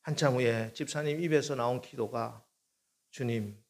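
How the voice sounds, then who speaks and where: A man's voice: medium pitch, normal speed. A middle-aged male pastor preaching a sermon, telling a story and acting out the prayers and dialogue in it, his voice rising with feeling. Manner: acts out quoted prayers and dialogue, voice rising with emotion.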